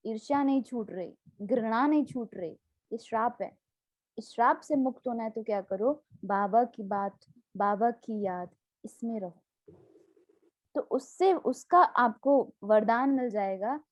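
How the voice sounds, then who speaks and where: A woman's voice: fairly high pitch, a little mellow, no echo, dull audio. A woman spiritual teacher giving a devotional class, explaining with homely examples and asking her listeners questions.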